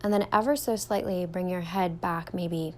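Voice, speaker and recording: A young woman, a yoga teacher, leading a standing guided meditation in a slow, gentle, soothing way, drawing words out softly. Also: lowish voice, steady tone, a little hiss or hum.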